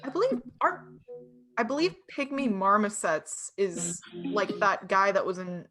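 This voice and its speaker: A woman's voice: mid-range voice, a little slow, over music. Young woman running trivia over video call, giggly, says like a lot. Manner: giggly, chatty, with filler words. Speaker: webinar host. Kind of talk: casual chat running online trivia.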